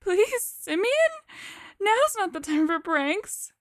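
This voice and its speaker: A woman voicing a worried mother from a horror game, searching for her son with a trembling, drawn-out plea. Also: mid-range voice, sing-song, gravelly, darkish tone, no echo, clean studio sound. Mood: anxious pleading.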